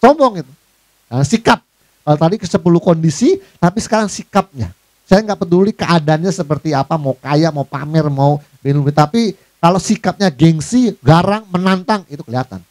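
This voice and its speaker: A man preaching in a loose, conversational way, his voice sitting a little high for a man. He keeps talking straight to his listeners and slips into mocking voices to make his points. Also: normal speed, no echo. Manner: lively, acts out mocking voices of proud people; addresses listeners as Pak, conversational. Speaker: pastor. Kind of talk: sermon.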